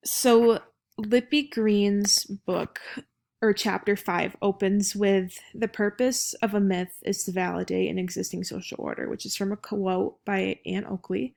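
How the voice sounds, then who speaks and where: A woman's voice: mid-range voice, steady tone, unhurried, gravelly, darkish tone. A young adult American woman giving an informal academic presentation as a student, somewhat hesitant and partly reading aloud.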